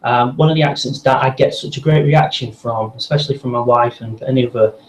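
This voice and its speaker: A man's voice: medium pitch, a little fast, echoey room, a little hiss or hum, low-quality recording. A man, a voice actor and podcast guest, chatting enthusiastically and rambling with many fillers. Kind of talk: casual interview chat.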